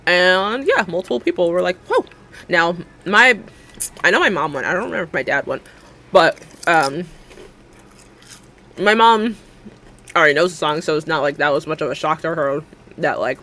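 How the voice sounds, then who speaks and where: Bright, lively-voiced young woman streamer. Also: lowish voice, moderate pace, long pauses. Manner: rambling, chatty, laughs often, many fillers. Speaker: livestreamer. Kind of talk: casual chat with live viewers.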